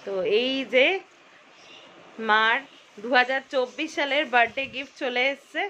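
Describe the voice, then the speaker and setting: A young woman talks straight into her phone camera at home, chatty and lively. Her voice is bright and a little high, with a faint hiss of background noise under it. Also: measured pace. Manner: chatty, lively, whispers while planning a surprise. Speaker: vlogger. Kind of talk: casual home vlog. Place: family home indoors.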